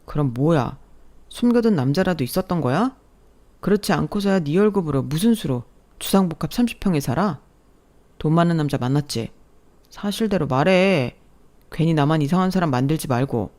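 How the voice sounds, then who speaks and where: A woman's voice: sits low, expressive, a little fast, mellow. A woman doing a blustering accusing ex-husband. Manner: demanding, accusing.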